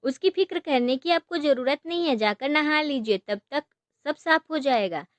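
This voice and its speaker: A woman voicing a calm, teasing young husband in a storybook, speaking in a fairly high, dry voice. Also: moderate pace, no echo.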